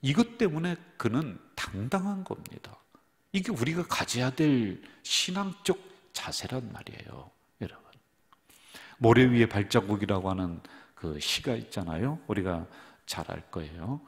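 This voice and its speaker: A man's voice: medium pitch, expressive, unhurried. A middle-aged man preaching a sermon as pastor, speaking straight to the congregation and asking and answering his own questions. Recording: long reverb of a church hall.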